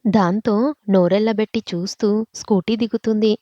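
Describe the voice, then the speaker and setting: A woman storyteller reading a scripted story with a steady, expressive delivery. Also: mid-range voice, normal speed, no echo, dull audio.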